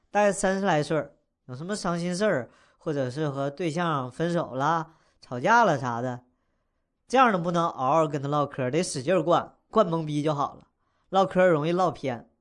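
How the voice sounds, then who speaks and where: A man's voice: fairly high pitch, animated, normal speed. Wisecracking man with a twang. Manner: slangy, wisecracking, chuckles through the story. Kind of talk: casual comic storytelling.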